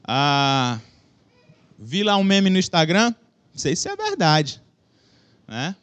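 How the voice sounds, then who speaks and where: Slow and clean in tone, a young preacher's fairly high voice carries his Brazilian Portuguese accent through a church hall via a microphone with a stage monitor. His sermon is relaxed and conversational, full of jokes, self-mockery, and questions for the audience.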